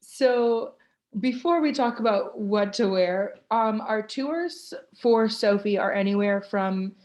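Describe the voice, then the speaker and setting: This American host and tour ambassador from Florida, United States, has a mid-range, darkish voice and takes her time. Over a video call she runs a chatty, informal live online Q&A, reading listener questions aloud.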